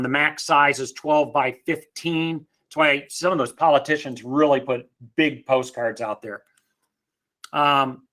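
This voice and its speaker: Middle-aged man explaining rates, bright tone. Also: a little high. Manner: conversational, explanatory, many fillers. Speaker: webinar presenter. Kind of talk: live webinar presentation.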